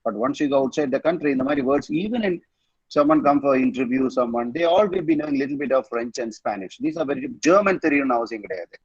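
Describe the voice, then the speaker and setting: A man's voice: mid-range voice, lively intonation, racing, slightly rough, no echo, dull audio. A middle-aged man with a Tamil accent teaching an online college training class, switching between languages and repeating words to drill them. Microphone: online class mic.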